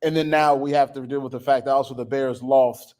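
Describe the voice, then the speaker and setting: A man's voice: mid-range voice, steady tone, fairly quick, warm tone. A man talking sports casually as a show panelist, blunt and slangy.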